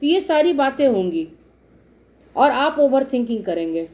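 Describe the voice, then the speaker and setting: Her voice sits high with big pitch swings, a dark tone, and a slightly slow pace as she reads tarot casually for viewers. She addresses them directly and goes over each card repeatedly and at length.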